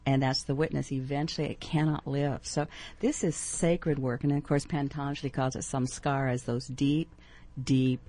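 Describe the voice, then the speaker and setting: Low-voiced chatty woman radio host. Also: moderate pace. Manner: chatty, animated, laughs easily. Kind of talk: casual radio chat. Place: radio studio.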